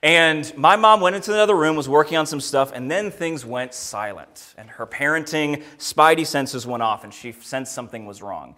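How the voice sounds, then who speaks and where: A man's voice: on the high side, moderate pace, hardly any pauses, pushed and bright. A man preaching a sermon and leading prayer at a pulpit microphone in a church, telling stories in an earnest way. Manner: earnest, storytelling, rising energy in anecdotes. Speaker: guest preacher. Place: church sanctuary.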